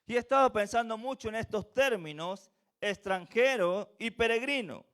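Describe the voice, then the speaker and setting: Preaching in a church, this man from Venezuela speaks at normal speed in a high, fairly bright voice. His Venezuelan accent has a faint Chilean touch, and his sermon leans on earnest repetition and rhetorical questions.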